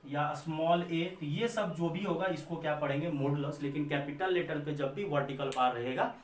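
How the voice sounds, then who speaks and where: A man's voice: on the high side, normal speed, slight background noise. A man with an Indian accent teaching a maths class, who repeats his points, asks and answers his own questions, and calls his students children. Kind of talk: classroom lecture. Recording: echoey room, mic far off.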